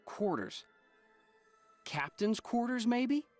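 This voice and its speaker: Sex: man. Figure: a playful game eccentric who lives for riddles. Delivery: lively, swooping, teasing. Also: extremely high pitch, takes it slowly, soft background music, heavily acted. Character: eccentric chatty man who loves riddles and dodges work.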